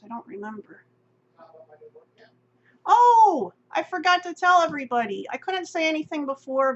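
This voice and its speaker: A woman's voice: on the high side, a bit bright. A middle-aged woman vlogging in a rambling, self-deprecating casual chat, often laughing. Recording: dull lo-fi audio with faint hum.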